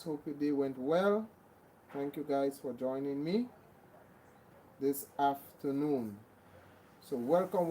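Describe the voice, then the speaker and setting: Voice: medium pitch, warm tone, slight background noise, low-quality recording. Grenadian host greeting livestream viewers. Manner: repeats greetings, thanks viewers by name. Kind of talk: casual livestream chat.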